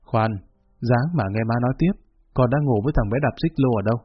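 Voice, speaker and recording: A man voicing a cold, blunt middle-aged mother who speaks in a flat, unbending tone, in a dull lo-fi recording. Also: mid-range voice, quick pace, breathy edge, lightly acted. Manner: flat, level, unbending delivery.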